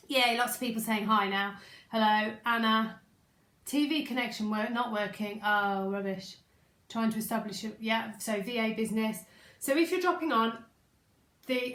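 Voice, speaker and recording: A woman's voice: fairly high pitch, roomy sound. A woman business coach hosting a live stream, chatting loosely with viewers and reading out their comments. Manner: chatty, rambling, reads out viewer comments warmly.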